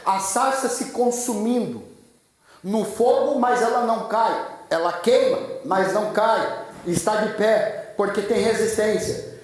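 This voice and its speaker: A high-voiced pastor preaches fervently, hammering his points with repetition. His voice booms through a very echoey church, heard from far off the mic. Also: a little slow. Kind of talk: sermon.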